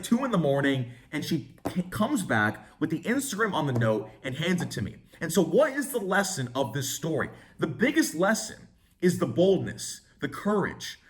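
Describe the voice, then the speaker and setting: A young man, a dating coach, telling a brash, profane story in an animated vlog style. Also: high voice, brisk.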